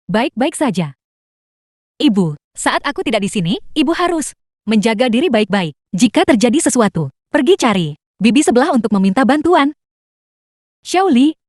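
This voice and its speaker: A woman's voice: a little high, darkish tone, no room sound, clean studio sound. A woman dubbing several roles in a dramatic Chinese film, with an emotional, pleading delivery. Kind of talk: Indonesian dub of a Chinese drama.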